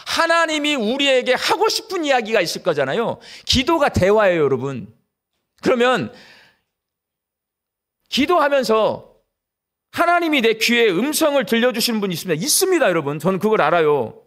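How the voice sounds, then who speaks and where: A middle-aged man delivers a sermon with a notably high, bright-pitched voice that swings widely up and down. He talks straight at the congregation, peppering them with rhetorical questions. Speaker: pastor. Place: church during a live service.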